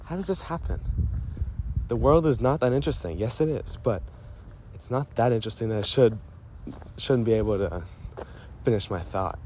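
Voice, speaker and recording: There's a bit of hiss or hum behind this man's medium-pitched, expressive, somewhat dark voice, which moves at a moderate pace with long pauses. He's telling a friend a meandering story in a personal voice memo, mocking himself playfully and repeatedly breaking off and drifting.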